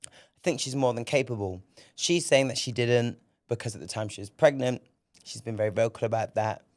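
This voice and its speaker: Man, podcast host, casual commentary, candid, swears freely, mid-pitched, dry close sound. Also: a little fast, no echo. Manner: candid, animated, swears freely, repeats words when excited.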